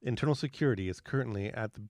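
A man voicing a calm female computer core AI in a tabletop game, with flat, clipped machine phrasing. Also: medium pitch, racing, dry recording, clean studio sound, natural voice. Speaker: game master.

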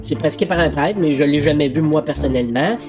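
A man's voice: fairly high pitch, quick pace, lightly acted. A man voicing an anxious middle-aged priest, hesitant and musing, over a music bed.

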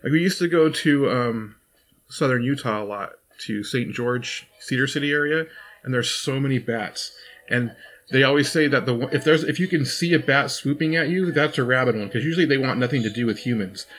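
A man in a relaxed casual chat, joking and trailing off mid-sentence. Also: medium pitch, brisk. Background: background music.

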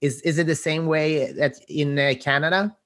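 A man's voice: a little high, steady tone, normal speed, a bit bright. A man from Sweden hosting a casual interview, friendly and curious, often restarting his sentences. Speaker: podcast host.

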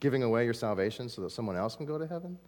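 A man preaching a sermon in a dramatic way, dropping to a hush and then rising to emphatic points. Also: mid-range voice, lively intonation, rapid-fire, in a large hall. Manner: dramatic, swings from hushed to emphatic. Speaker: pastor.

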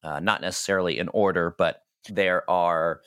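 A man's voice: deep voice, fairly even intonation, moderate pace, fairly bright tone, clear, resonant tone, no echo, studio quality. A man narrating a tabletop game as game master, casual and laughing often.

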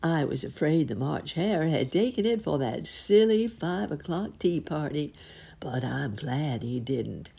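A woman voicing a smug, friendly smiling cat in a storybook, with playful, drawn-out delivery. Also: sits low, lively intonation, vocal fry, warm tone, slightly rough, full character voice. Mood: cheerful.

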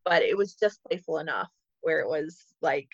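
A woman's voice: deep voice, lively intonation, moderate pace, dry recording, muffled recording. A woman comedian chatting playfully on a podcast and laughing often. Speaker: comedian guest. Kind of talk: casual podcast chat.

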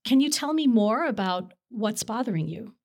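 A woman physician co-hosting a podcast, explaining communication tools in a calm, measured teaching manner. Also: a little high. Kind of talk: casual conversational teaching.

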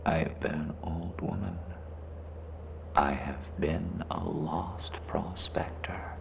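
A predatory shapeshifting cave creature, voiced by a man, purrs its taunts in a very deep, gravelly whisper. It drags each word out slowly and savors the menace. An audio roleplay. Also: fairly even intonation, noisy background, heavily acted. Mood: taunting.

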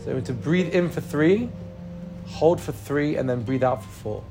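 Man slowly counting breaths over guitar music. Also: a little high. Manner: calm, soothing instruction. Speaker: meditation guide. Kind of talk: guided breathing meditation.

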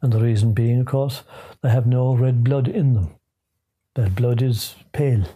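An older Irishman tells folklore in the lilting way of a traditional storyteller. His Irish-accented voice is mellow and slightly husky, and he speaks unscripted. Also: mid-range voice, normal speed. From Ireland.

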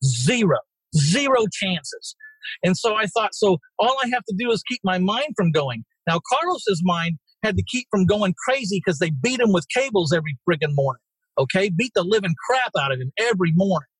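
Husky, high-voiced blunt male guest. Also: animated, a little fast, fairly bright tone, no room sound, rough recording. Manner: blunt and salty, with mild swearing. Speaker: podcast guest, real estate investor. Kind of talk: casual interview storytelling.

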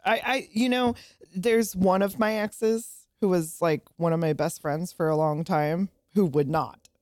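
Podcast co-host, woman, lowish dry voice, candid and giggly. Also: fairly even intonation, a little slow, darkish tone, dry recording. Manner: laughing often, candid, swears casually. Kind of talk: casual chat.

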